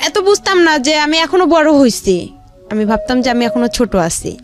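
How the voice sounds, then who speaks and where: Recounting her life as an interview guest, this woman from Bangladesh's Rangpur region speaks informally and meanders from one step to the next. Her voice is high-pitched and her pace moderate, with background music under the recording.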